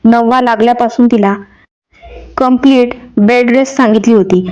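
A woman's voice: a little high, steady tone, mellow, muffled recording. Woman narrating an emotive story. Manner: emotive, measured reading.

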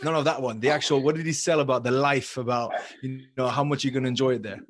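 A man's voice: mid-range voice, steady tone, quick pace, soft background music. A man co-hosting a podcast over a video call, asking rambling, teasing questions. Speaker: podcast co-host. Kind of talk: casual podcast chat.

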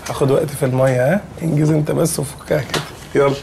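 A man's voice: fairly high pitch, steady tone, quick pace, creaky, background noise. An actor in a comedy series playing a cheeky, pushy drunk young man with an Egyptian accent, slurring and teasing. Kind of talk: sitcom acting.

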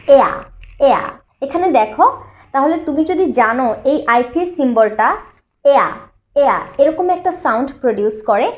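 A woman teaching a spoken English lesson, patiently repeating each sound slowly for her students. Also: high-pitched. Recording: slightly dull lo-fi sound.

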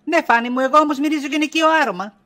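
A woman's voice: sits high, a bit bright. A woman playing a middle-aged wife in a comedy sketch, insistent and accusing as she nags her husband.

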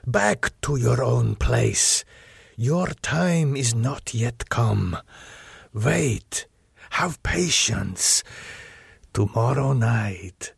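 A man reading the part of a suave, menacing old male vampire count, speaking slowly with soft, courteous menace. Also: medium pitch, vocal fry, slightly rough, no echo, clean studio sound, full character voice. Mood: hushed.

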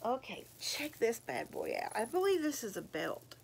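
An older woman chatting casually as she shows off gifts, gushing and exclaiming over each item in folksy, drawn-out phrases. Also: a little high, big pitch swings, gravelly, a little hiss or hum. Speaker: vlogger showing gifts. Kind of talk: casual show-and-tell chat.

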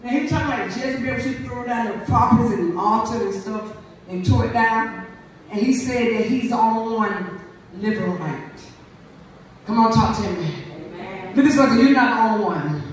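A woman's voice: a little high, moderate pace, long pauses, slight background noise. A woman pastor preaching a fervent call-and-response sermon at a church service. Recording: echoey room, voice from a distance.

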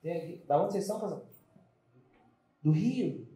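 A man's voice: sits high, lively intonation, moderate pace. A man from Paraná with a Paraná accent, doing a stand-up set with brash, teasing crowd work on a comedy club stage. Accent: Paraná Brazilian Portuguese. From Paraná, Brazil. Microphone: handheld stage mic. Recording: echoey club with loud audience laughter.

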